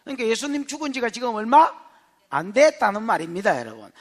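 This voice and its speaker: A man's voice: extremely high pitch, a bit bright. A man preaching an expository sermon as pastor, quizzing the congregation and acting out little dialogues. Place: church sanctuary.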